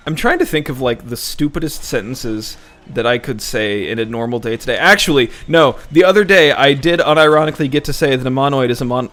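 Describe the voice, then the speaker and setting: A man's voice: mid-range voice, a bit bright. A man co-hosting a let's play, chatting casually, laughing often and slipping into mock-lecturing jargon. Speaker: co-host of a gaming let's play.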